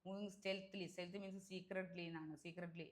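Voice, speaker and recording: A young woman with a Malayali accent teaches English grammar for an exam. Her voice sits fairly low and stays level, with little rise or fall. She reads each example slowly and repeats the key words between quicker explanations. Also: little pitch movement, poor audio. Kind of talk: exam-prep grammar lesson.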